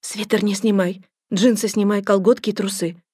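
A woman voicing a doctor mother who speaks quietly and with some embarrassment. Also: mid-range voice, fairly even intonation, moderate pace, slightly rough, no room sound, studio quality, close to an everyday voice. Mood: subdued. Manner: quiet, somewhat shamefaced.

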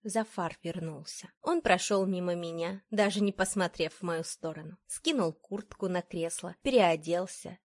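A woman's voice: fairly low pitch, moderate pace, hardly any pauses, darkish tone, no echo. A woman narrating a first-person story in an emotional, intense way.

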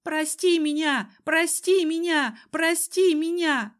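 A woman voicing a cowardly young man who screams and begs in a shrill, sobbing voice. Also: unhurried. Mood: begging. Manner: begging and screaming.

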